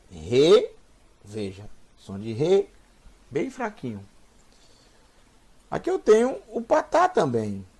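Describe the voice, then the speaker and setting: Slow, husky-voiced man teaching. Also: high-pitched. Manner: patient, repeats words slowly for learners. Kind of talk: slow spoken language lesson.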